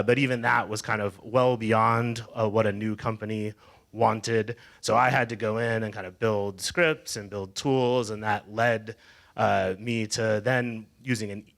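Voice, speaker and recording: A man's voice: on the low side, vocal fry, fairly bright tone. A man on a developer panel, telling how he learned his craft in a hedging way, full of fillers. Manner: hedging, many "kind of" and "uh". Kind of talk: casual personal story at a panel. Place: meetup event room.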